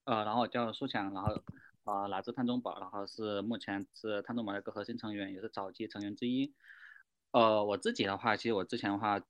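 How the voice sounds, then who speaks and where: A man's voice: on the low side, fairly even intonation, fast talker, no echo. A man speaking as a podcast guest in a wordy way, full of fillers. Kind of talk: casual chat. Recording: dry, dull lo-fi remote mic.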